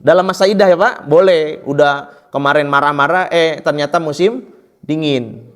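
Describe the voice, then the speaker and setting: A man's voice: a little high, moderate pace. A man teaching a mosque study class, joking and quizzing his audience. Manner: joking, asks the audience questions. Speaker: Islamic teacher.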